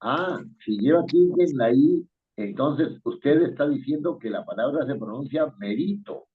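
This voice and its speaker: A man's voice: mid-range voice, animated, unhurried. A man teaching an online spelling class, patient and questioning, chuckling now and then. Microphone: video call. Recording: tinny phone-like call audio.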